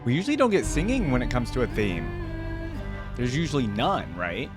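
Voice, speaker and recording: Brisk and medium-pitched, this reaction-video host swings his pitch hugely as he exclaims and thinks aloud informally while commenting. Behind him, a game trailer and its theme music are playing.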